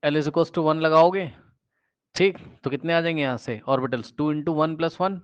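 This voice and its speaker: Male chemistry tutor, higher-pitched, drills students with repeated questions, dry lo-fi recording. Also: a little slow, clean tone, dry recording. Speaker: chemistry teacher. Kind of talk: exam-prep lecture.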